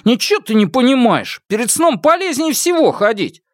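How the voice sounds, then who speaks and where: A man's voice: extremely high pitch, very animated, normal speed, no echo, clean studio sound, voice pushed up. A man voicing a brash, joking young male student who talks in a boastful, theatrical way.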